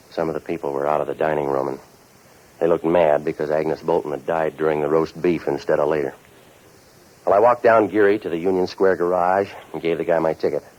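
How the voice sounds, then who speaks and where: A man plays a hard-boiled American private eye in a vintage 1940s radio noir drama, both acting and narrating. His low voice delivers sardonic wisecracks in terse deadpan, and the old recording sounds muffled and dull.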